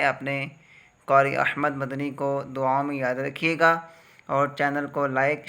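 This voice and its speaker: Stretching each letter sound, a Pakistani man with an Urdu accent leads a patient, gradual Quran letter-reading lesson. His medium-pitched voice is smooth yet pushed and bright.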